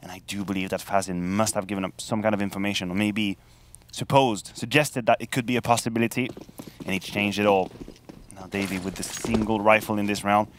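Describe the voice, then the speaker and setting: A man's voice: on the low side, fairly even intonation, fairly quick. A man working as an esports caster, giving live commentary on a video game match. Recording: gunfire and game noise behind voice. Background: video game gunfire and clicks.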